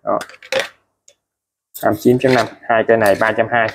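A man's voice: lowish voice, flat delivery, fairly quick, vocal fry, background noise. A man showing used tools for sale in a casual way, chatty and repetitive, restating prices again and again. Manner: chatty, ends phrases with friendly particles. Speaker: used tool seller. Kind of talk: casual product showcase.

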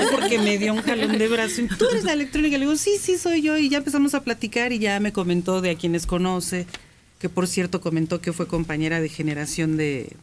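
A woman's voice: mid-range voice, a little hiss or hum. Chatty Mexican woman on radio. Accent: Mexican Spanish. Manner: brisk, chatty retelling. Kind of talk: casual radio chat.

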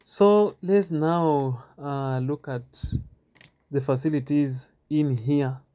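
A man giving a walking stadium tour outdoors, talking haltingly with many filler pauses and repeats, recorded on a handheld phone. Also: on the high side, warm tone. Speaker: tour guide.

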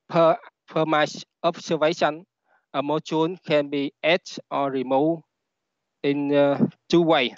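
A man with a Vietnamese accent, a native Vietnamese speaker, giving a halting technical presentation over a headset on an online call. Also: fairly high pitch, dry recording. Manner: halting, with repeated words. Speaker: conference speaker, software engineer. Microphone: headset on a video call. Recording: dull, lo-fi online call audio.

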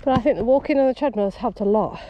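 A woman's voice: on the high side, rapid-fire, dull audio. Breathless woman vlogging from a bike. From Wales. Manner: chatty, self-commenting, laughs at herself. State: breathing hard from the climb. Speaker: cycling vlogger. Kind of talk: casual talk while riding. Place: outdoors on country roads. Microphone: action camera on a bike. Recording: outdoor camera with wind and road noise. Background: passing traffic and wind.

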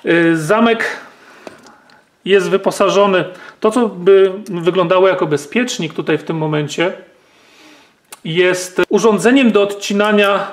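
A gun channel host does a hands-on demonstration, explaining a rifle step by step. His voice sits high and he speaks a little slowly, pausing often and using many fillers and tag questions.

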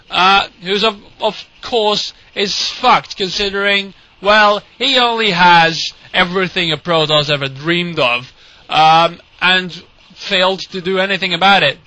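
Excitable high-voiced male game commentator. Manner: excitable, sarcastic, swears, mocks players. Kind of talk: casual replay commentary.

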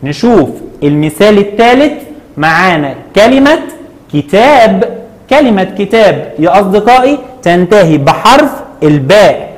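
A man with an Egyptian accent teaching a children's lesson. He patiently asks questions and answers them himself, stretching words out slowly. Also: high-pitched, very animated. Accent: Egyptian Arabic. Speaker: primary school Arabic teacher.

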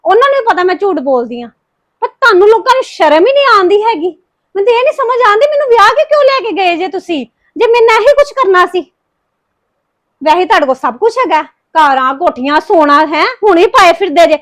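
A woman's voice: very high voice, expressive, fairly bright tone. Woman playing an accusing grieving young wife. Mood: bitter, accusing. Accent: Punjabi. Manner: reproachful, accusing, rapid complaints. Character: grieving young wife confronting her mother-in-law. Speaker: daughter-in-law Harpreet. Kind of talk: emotional family drama acting.

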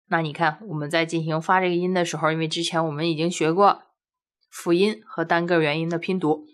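A woman with a low-pitched voice gives a recorded language lesson. She explains patiently, step by step, and keeps checking in with rhetorical questions. Now and then she slowly sounds out practice syllables for her students. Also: fairly even intonation. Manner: drills syllables aloud slowly. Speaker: language teacher.

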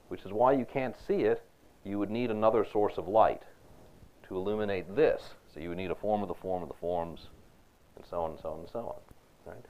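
A man's voice: fairly low pitch, a little mellow. A man lecturing on philosophy to students in a conversational way, often checking in with "right?" and asking them questions. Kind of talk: university lecture. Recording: dull lo-fi lecture recording.

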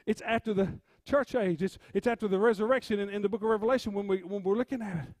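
A man preaching an impromptu sermon, swinging from hushed storytelling to rising shouts and repeating his words. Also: sits high, fast talker, dry recording, clean studio sound. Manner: rhythmic preaching with "uh" before phrases.

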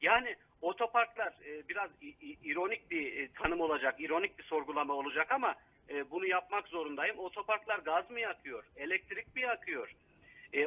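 Council member calling in by phone, high voice, thin phone-band sound, critical and halting. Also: male voice. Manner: critical, hesitant with frequent fillers. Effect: over the phone. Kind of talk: live phone interview commentary. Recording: tinny phone line.

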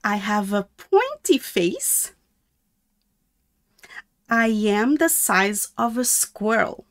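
In a children's storybook, a woman gives voice to a friendly little meerkat. Her mid-range voice has a simple, deliberate, childlike sing-song quality.

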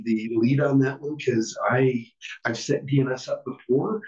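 A man gives a casual tech talk at a user group meeting. He hesitates often and makes wry, self-deprecating remarks. He is recorded from across a reverberant meeting room, and the sound is muffled. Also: mid-range voice. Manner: halting, filler-heavy, self-deprecating. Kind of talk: casual technical presentation. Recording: distant, roomy, dull room recording.

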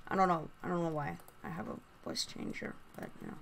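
A woman giving casual, rambling gameplay commentary through a voice changer, halting and prone to excited exclamations. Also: medium pitch, gravelly, a little hiss or hum. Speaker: gaming video host.

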